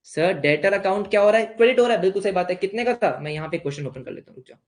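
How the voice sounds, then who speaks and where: In this online accounts class, the young Indian-accented teacher plays both roles, tossing out questions and replying as a student might. He speaks in a high, animated voice at a racing pace.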